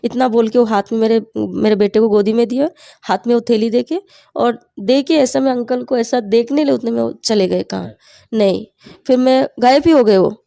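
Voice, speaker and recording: Earnest woman with a creaky voice. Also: on the high side, moderate pace, dark tone, no echo. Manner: earnest storytelling, often quoting her own prayers. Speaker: testimony speaker.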